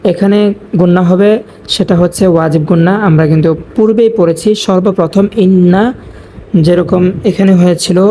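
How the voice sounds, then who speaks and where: A woman teaching Quran recitation, spelling out each letter and vowel mark deliberately and chanting verses in long, drawn-out tones. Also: lowish voice, fairly even intonation, dark tone, slight background noise.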